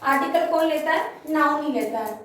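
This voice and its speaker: High-voiced woman teaching in an echoey classroom. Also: moderate pace, a bit bright, a little hiss or hum. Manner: patient, repeats and quizzes pupils. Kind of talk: classroom grammar lesson. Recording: echoey room from far off.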